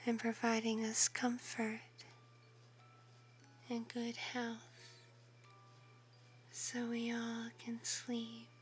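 A woman voicing a tender, protective mother fox, softly whispering as she tucks her kits into bed. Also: fairly high pitch. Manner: soft whispering, soothing and affectionate. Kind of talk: ASMR roleplay, bedtime storytelling.

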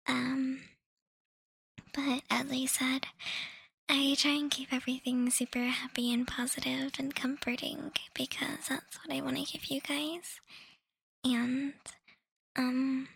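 A young woman speaks in a soft, close whisper with a heavy gravelly fry running through it. Her voice sits high but stays flat, and she talks slowly, rambling and apologizing. The sound is dry and close, with no room echo. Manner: rambling, apologetic, many ums. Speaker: audio creator updating listeners. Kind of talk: whispered casual update.

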